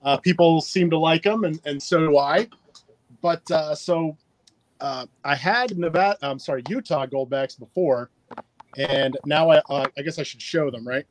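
A man's voice: on the high side, moderate pace, low-quality recording. A man hosting a live stream giveaway in a casual, chatty and upbeat way, talking into a phone. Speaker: livestream giveaway host.

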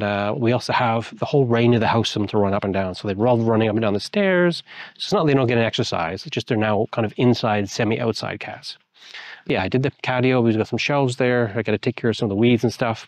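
A man's voice: mid-range voice, dry recording. A man in his forties giving a casual, rambling tour of his garden and garage, with many fillers and restarts. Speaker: homeowner giving a house tour. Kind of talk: casual walkthrough narration. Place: outdoor garden and large garage of an old house.

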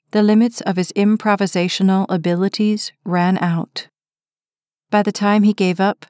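A woman narrates a romance audiobook in a steady, measured voice. Her pitch sits in the middle. The close mic gives a dry sound. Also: no room sound. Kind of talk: scripted narration.

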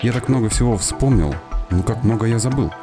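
A man playing a forlorn little robot companion in a video game speaks in a low voice. The delivery is earnest and reflective, with music clearly playing behind. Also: brisk, close to an everyday voice. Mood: forlorn, searching. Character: forlorn amnesiac robot companion with a human mind. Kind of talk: reading game dialogue aloud.

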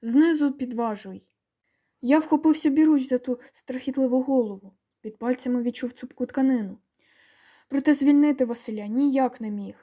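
A woman reading a children's audiobook aloud with expressive, dramatic storytelling. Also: high-pitched. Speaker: audiobook reader. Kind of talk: audiobook narration.

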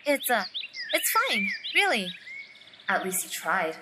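A woman voicing a cheerful, easily embarrassed young wife in her twenties in an indie game, lively and gently scolding. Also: mid-range voice, takes it slowly, very noisy. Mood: warm.

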